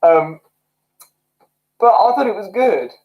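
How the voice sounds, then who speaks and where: Through narrow, tinny audio comes a slow, high male voice with lively intonation. He's streaming casually from indoors at home, going through viewer comments with chatty, self-deprecating humor and frequent laughter.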